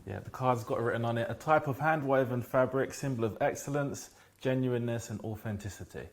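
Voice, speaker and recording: A man's voice: medium pitch, fairly quick. A man hosting a video blog, interviewing a guest with eager questions and prompts. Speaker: interviewer, vlog host. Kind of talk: casual interview.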